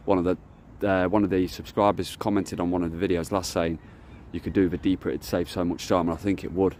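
Outdoors by a lake, a carp angler vlogger makes his way through bushes while filming a casual walk-and-talk vlog on the phone camera in his hand. His voice sits low, level and darkish, fairly quick, rambling and self-correcting, with a little hiss or hum.

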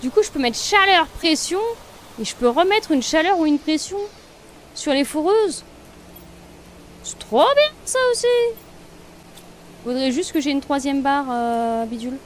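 A woman's voice: sits high, animated, normal speed, a little hiss or hum. A woman casually commenting on her gameplay, thinking aloud and chatting to viewers and the game. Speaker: let's play streamer.

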